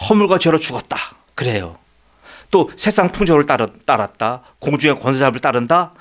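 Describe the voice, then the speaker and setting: A man's voice: mid-range voice, a bit bright. A man, the pastor, preaching a sermon in a church, emphatic, with rising peaks and frequent short affirming asides. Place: church sanctuary.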